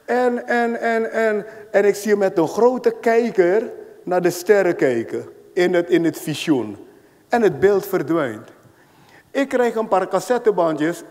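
Male pastor, sermon, high voice, animated storytelling, long hall reverb. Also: unhurried.

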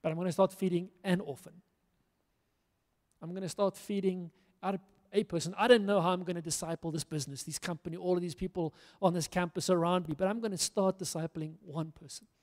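A middle-aged South African pastor delivers a sermon from a church stage in a large hall, speaking into a handheld mic. His voice sits high and steady and moves a little fast, earnest and rousing with emphatic repetition. Long hall reverb trails his words.

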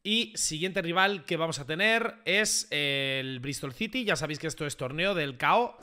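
Man, high voice, bright tone, excitable gaming commentary, repeats himself, sudden shouts. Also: normal speed, clear, resonant tone. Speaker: gaming YouTuber. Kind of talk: gameplay commentary.

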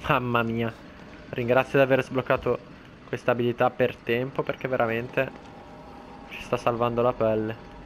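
A man talks his way through a horror game in a chatty commentary voice, taunting the enemies and breaking into sudden high yelps when something surprises him. His voice sits in a middle pitch, with faint game sounds behind it. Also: moderate pace, a little hiss or hum. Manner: excitable, talks to enemies, shouts in alarm. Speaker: gameplay commentator. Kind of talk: let's play commentary.

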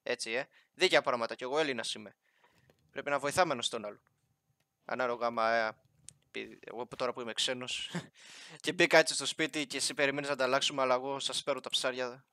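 Bright-voiced man joking through a game. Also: medium pitch, fairly even intonation, no echo. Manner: chatty, joking, talks to villagers and animals in the game. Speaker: gaming YouTuber. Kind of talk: casual Minecraft let's play commentary.

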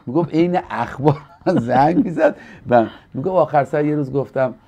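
A man's voice: on the high side, lively intonation, dark tone. A pastor from Iran, a man, earnestly teaching on a studio talk show in a preacherly way. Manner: earnest and preacherly, acting out quoted people with a livelier voice.

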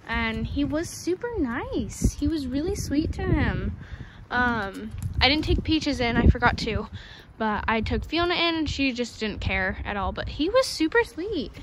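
Woman vlogging in a noisy goat barn. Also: high voice. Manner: coaxing, encouraging the goat. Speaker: farm vlogger. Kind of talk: casual farm vlog narration. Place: wooden goat barn, indoors.

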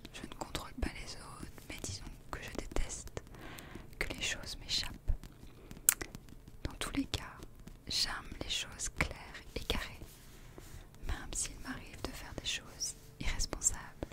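A young adult woman, an ASMR creator, whispers a story as if in a hushed library. She reads slowly and deliberately with pauses, close to a desk microphone while wearing headphones.

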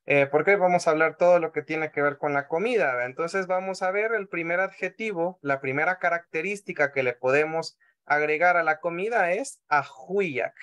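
A man with a Salvadoran Spanish accent teaches a language class over video call, speaking patiently, often repeating words slowly and checking in with students. His voice is on the high side, a bit bright, with a clean tone.

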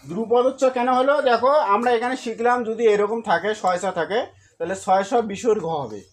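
A high-voiced man teaches pronunciation, posing questions and answering them himself. He splits words into syllables and slowly chants lines of verse to a melody.

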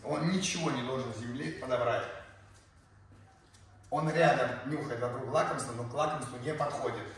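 A man's voice: mid-range voice, normal speed, fairly bright tone, far from the mic. A man chatting casually to viewers as he films and presents, effusive and often repeating his words. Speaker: animal park host presenting pets and trainer. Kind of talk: casual chat to viewers while filming. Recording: echoey room with background noise.

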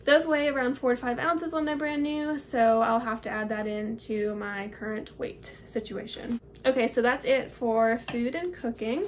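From a small home office, a twenty-something woman casually shows her hiking gear on camera, holding each item up and explaining it in a chatty way. The hiking vlogger's voice is on the high side and steady, at normal speed with few pauses and a little hiss or hum.

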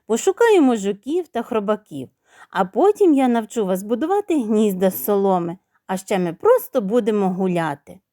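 A woman's voice: mid-range voice, very animated, moderate pace, dark tone, dry recording, clean studio sound, lightly acted. A woman voicing a bossy, caring mother hen in a storybook, speaking in a firm, motherly way.

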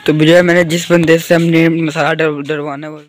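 A chatty Punjabi man narrates his village farm vlog in a high voice, rambling and circling back to the same filler words. He is recorded outdoors on a windy day, with loud wind and background noise over the phone audio. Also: flat delivery, fairly quick. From Pakistan. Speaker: vlogger.

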